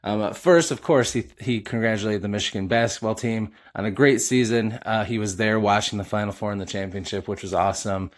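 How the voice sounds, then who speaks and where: A middle-aged man with a lowish voice hosts a sports podcast. He talks casually as an eager fan and drops frequent filler uhs between thoughts. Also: steady tone, a little fast, few pauses.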